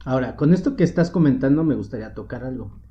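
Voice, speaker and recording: A man moderates a casual podcast, posing questions in a relaxed, joking way. His voice is warm and dark. The audio sounds roomy, dull and lo-fi. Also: medium pitch, fast talker.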